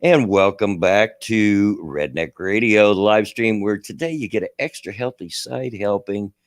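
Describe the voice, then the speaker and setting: This livestream host, a middle-aged man with a Kentucky and Tennessee redneck accent, talks a little slowly in a lowish voice. He rambles casually and laughs at his own expense. Expect a dry, clean studio recording.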